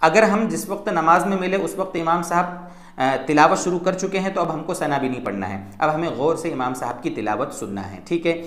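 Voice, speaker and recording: This man explains, step by step and with patience, how to pray as a mufti, frequently checking in with "theek hai." His voice is a little high and fairly bright, his pace brisk, and the sound roomy, fitting a religious instruction talk.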